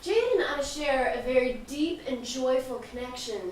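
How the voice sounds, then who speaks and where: A woman's voice: high voice, normal speed, natural voice. An actress playing an earnest grown daughter, giving a heartfelt speech to her family. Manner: heartfelt, speechifying, fiercely protective. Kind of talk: film drama dialogue. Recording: roomy distant mic, faint hiss.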